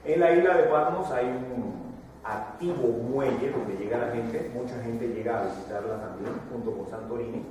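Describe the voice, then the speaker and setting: A man's voice: medium pitch, darkish tone. Guy preaching, stretches out key words, faint room hum, voice far off in an echoey hall. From Panama. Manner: rising to emphatic, drawn-out repetitions. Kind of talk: sermon with a fill-in worksheet.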